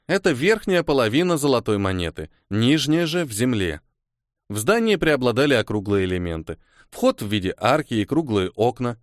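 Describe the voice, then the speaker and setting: Animated male audiobook narrator. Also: medium pitch, no room sound, studio quality. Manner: animated, expressive reading. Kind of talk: storybook narration.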